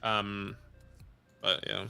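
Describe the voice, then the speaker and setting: A laid-back man in his late twenties chatting on a casual live stream, with a bright, forward tone. A faint bed of music plays under his voice. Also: fairly low pitch, flat delivery, drawn-out words, vocal fry, smooth. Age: 20s. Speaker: co-host. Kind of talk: casual livestream chat.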